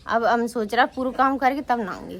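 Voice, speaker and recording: A woman's voice: fairly high pitch, fairly quick, creaky. A young woman vlogging casually from her village home, chatting to her viewers as friends. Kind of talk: casual vlog narration. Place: village home, rooftop and fields, outdoors.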